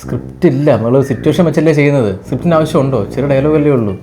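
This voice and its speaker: A man's voice: medium pitch, racing. A man acting as a director in a comedy sketch, bossy, laying out each scene. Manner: bossy, explaining scenes, loses temper.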